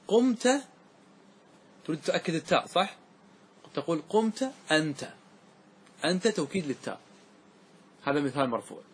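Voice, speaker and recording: A man teaching Arabic grammar to a class, explaining step by step, slowly reciting verse lines and asking quick check questions. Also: a little high, slightly rough.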